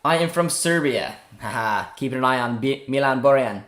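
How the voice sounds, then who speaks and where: A man's voice: medium pitch, expressive, moderate pace, a bit bright, echoey room. A young man from Canada hosting a casual live football watchalong, chatting and reading viewer comments aloud. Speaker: livestream host.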